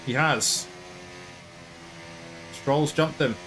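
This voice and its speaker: A man's voice: on the high side, extremely slow, fairly bright tone, soft background music. Chatty man commentating a racing game. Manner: chatty, rambling, mock-commentates. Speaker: gaming YouTuber.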